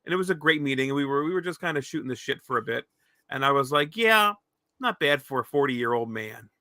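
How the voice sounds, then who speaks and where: A man's voice: medium pitch, animated, quick pace, pushed and bright, no echo, clean studio sound. A man around forty co-hosting a casual podcast, rambling and joking about himself, with some swearing. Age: 40s. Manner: rambling, self-mocking, swears. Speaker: podcast co-host.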